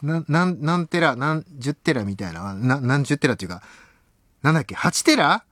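On a close studio mic with no room sound, a middle-aged late-night radio host talks at a normal pace. He's excitable, lurching between loud outbursts and quiet muttered asides.

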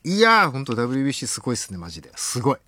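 A middle-aged man hosting a late-night radio show, excitable, jumping between loud exclamations and low muttered asides, on a close studio mic. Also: rapid-fire, no room sound.

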